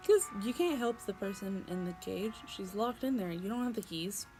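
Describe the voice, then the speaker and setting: A woman's voice: mid-range voice, normal speed, darkish tone, soft background music, rough recording. A young woman vlogging casually, chatty and giggly, with many fillers and restarts. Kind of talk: casual vlog storytelling.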